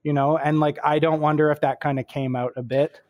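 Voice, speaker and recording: A man's voice: a little high, little pitch movement, a little fast, a little mellow. A man in casual podcast chat who rambles with lots of fillers and jokey asides.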